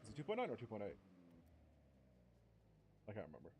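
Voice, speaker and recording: A man's voice: on the low side, wildly swooping pitch, fast, background noise. A young man casually streaming a racing game. He rambles, swears freely, talks to his viewers and says he is starting to lose his voice. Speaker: gaming streamer. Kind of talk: casual live-stream commentary.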